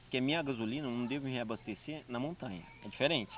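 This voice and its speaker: Guy hosting a chat podcast, thoughtful, average pitch, birds and outdoor noise behind. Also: rapid-fire. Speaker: podcast host. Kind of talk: casual chat.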